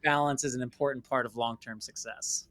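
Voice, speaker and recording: With a mid-range, fairly bright voice and fairly even intonation, an American man talks a little fast over slight background noise. He's a documentary filmmaker being interviewed, telling reflective personal stories in an earnest, emphatic way and repeating words for stress.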